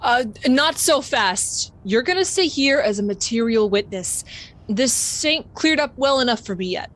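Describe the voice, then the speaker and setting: A woman voicing a tough, blunt female city police lieutenant in a radio drama, speaking deliberately. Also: a little high, expressive, a bit bright. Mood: gruff.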